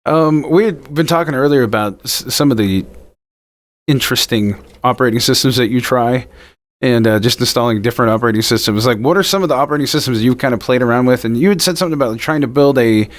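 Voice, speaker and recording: A man's voice: mid-range voice, quick pace. A man hosting a podcast interview, asking curious follow-up questions in a casual tone. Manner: curious, asks follow-up questions, laughs easily. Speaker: podcast host.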